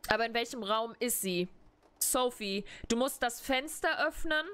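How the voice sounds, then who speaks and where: Excitable woman streamer translating game dialogue. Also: a little high, a little slow, clear, resonant tone. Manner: excitable, blunt, swears casually. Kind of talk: live gameplay commentary, translating dialogue.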